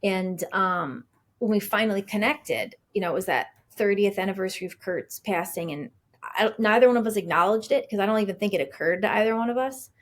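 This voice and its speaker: A middle-aged woman, an author being interviewed on a podcast, telling a story in a chatty, animated way and acting out what people said. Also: mid-range voice, a little fast. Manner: chatty, animated storyteller who acts out quoted dialogue; frequent fillers and restarts.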